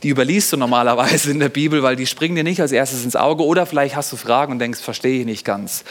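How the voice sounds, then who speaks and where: A man preaching a sermon, retelling a bible story in a lively, conversational way with rhetorical questions and fillers. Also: medium pitch, fast.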